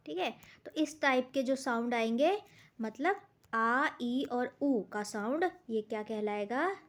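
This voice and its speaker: A woman teaching an exam-prep grammar class in a high, bright voice. She talks slowly and patiently, puts a question to the class and then answers it herself. She draws out each example word with care. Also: lively intonation. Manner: explains step by step, asks questions and answers them herself; says words and examples slowly and deliberately.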